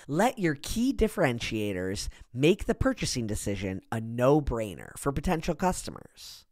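Lively-voiced woman reading business tips. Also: sits low, dry recording, studio quality. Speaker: podcast host. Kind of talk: scripted explainer read.

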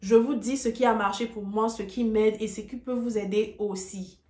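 A woman's voice: fairly high pitch, fairly even intonation, normal speed, darkish tone, roomy sound. A woman giving a casual video lesson, talking straight to her viewers in an emphatic, direct way. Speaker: English tutor on video.

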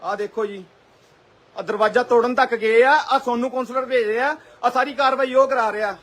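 A man's voice: very high voice, steady tone, fairly quick, a bit bright. A young man, pleading and protesting to police as he streams live on his phone outside his house. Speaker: local party worker being detained. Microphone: phone held in hand.

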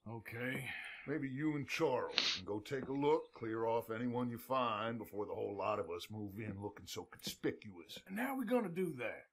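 A man voicing gruff male outlaws in a Western video game, speaking in a slow drawl. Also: medium pitch, animated. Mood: dry, weary.

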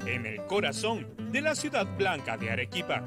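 A man reading a scripted news report in an emphatic, lively delivery. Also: on the high side, normal speed. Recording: voice-over with loud background music.

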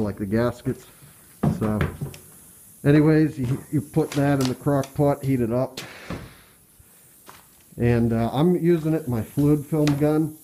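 Muffled, mellow American man wearing a respirator. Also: mid-range voice, a little hiss or hum. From Pennsylvania, US. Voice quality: muffled through a respirator mask. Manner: hesitant, halting, plain-spoken. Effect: respirator mask. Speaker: DIY truck restorer. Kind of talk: casual hands-on how-to talk. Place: cluttered workshop, indoors.

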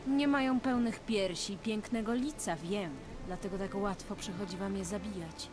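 An actress playing a proud, disdainful succubus in a video game, with a haughty, cutting manner. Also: female voice, mid-range voice, moderate pace, close to an everyday voice.

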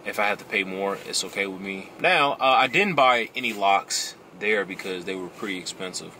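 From a dashboard-mounted camera, a relaxed vlog captures a man in his thirties with a Chicago accent chatting at normal speed in a fairly low voice. He's casual and talkative, using "finna" and "you know," with road noise filling the car.

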